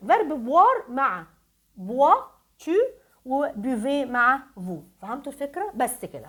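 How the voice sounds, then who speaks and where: A woman with an Egyptian accent runs a grammar review for school pupils. She talks fast with a lively, swinging pitch and a fairly high voice. Her voice sounds tired and strained, and she keeps asking them rhetorical questions. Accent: Egyptian Arabic. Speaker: French teacher.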